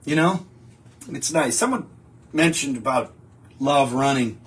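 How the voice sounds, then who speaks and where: Reading viewer comments on his casual live stream, a middle-aged host rambles chattily and keeps restarting his sentences. He speaks in a mid-range voice at a measured pace, in a home studio with wallpaper behind him.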